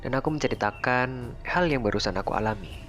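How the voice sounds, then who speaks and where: A man narrating a first-person horror story in a relaxed, conversational way. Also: medium pitch, brisk. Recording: faint music underneath. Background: faint background music.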